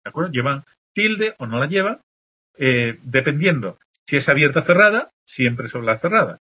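A male teacher from explains the rules for written marks, saying example words slowly and checking in with the class again and again. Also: mid-range voice, big pitch swings, pushed and bright, breathy edge. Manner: explains patiently, checks in with constant "¿de acuerdo?". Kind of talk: spelling lesson explaining accent marks. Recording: dull lo-fi recording.

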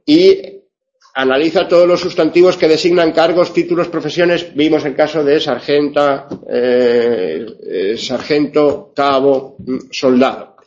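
Speaking at a measured pace in a slightly mellow voice on the high side, a male teacher lectures on Spanish grammar step by step. He checks in often, uses many fillers and corrects himself along the way, captured on a dull, lo-fi classroom recording.

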